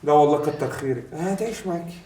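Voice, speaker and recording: A man's voice: on the high side, expressive, very fast, warm tone, distant mic, natural voice. A man playing a blunt cheating husband. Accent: Egyptian Arabic. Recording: echoey room.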